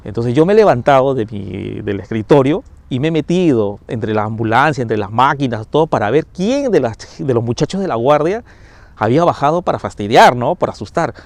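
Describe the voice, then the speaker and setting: Firefighter telling a ghost story. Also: male voice, mid-range voice, expressive, fairly quick, vocal fry, darkish tone, dry recording. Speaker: firefighter paramedic. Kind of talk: first-person ghost story told on camera.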